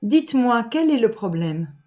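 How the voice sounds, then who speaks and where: A woman teaching grammar in a clear, deliberate lesson voice, pausing for exercises. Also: on the high side, big pitch swings, mellow. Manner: deliberate, articulated teacher's delivery with pauses for exercises. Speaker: French teacher.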